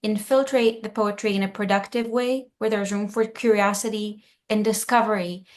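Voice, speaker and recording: A woman's voice: medium pitch, steady tone, moderate pace. A woman poet on a panel, answering in a reflective, articulate way. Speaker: featured poet.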